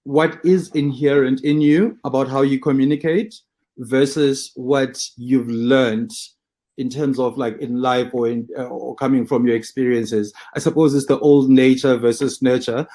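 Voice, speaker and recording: A man's voice: medium pitch, steady tone, measured pace, warm tone. Rambling, hesitant male interviewer. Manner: hesitant, rambling questions with restarts. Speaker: interview host. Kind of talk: interviewing a guest.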